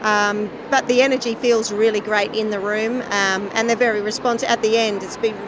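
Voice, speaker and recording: Croaky woman in a noisy interview. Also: mid-range voice, fairly even intonation, normal speed. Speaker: chorus director and quartet singer being interviewed. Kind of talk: casual interview. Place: busy convention venue. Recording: noisy location recording, busy venue ambience.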